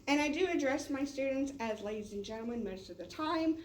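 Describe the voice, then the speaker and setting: In a meeting room, a woman teacher talks with colleagues in a relaxed professional development chat, her high voice animated and a bit quick, with plenty of fillers. The audio is echoey and distant.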